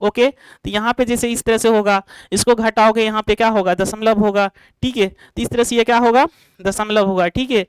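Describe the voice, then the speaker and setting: Her voice is a little high and clean-toned, with fairly even intonation, as she gives an online math lesson in a slow, repetitive manner. She poses rhetorical questions and answers them herself, pausing to check on the class, all on a low-quality recording without echo.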